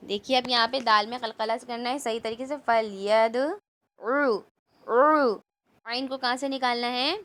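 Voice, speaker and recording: A woman's voice: on the high side, level tone, sharp tone. Woman teaching Quran recitation letter by letter. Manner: spells out letters and vowel marks, then recites slowly; quick, patient explanations of recitation rules. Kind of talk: online children's Quran lesson.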